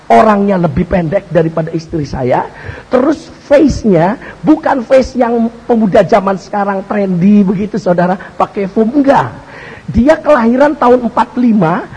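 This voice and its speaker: An older man preaches a humorous sermon, telling a joking family story and frequently speaking straight to the congregation. His voice is high-pitched, a little mellow and husky, and the audio quality is poor.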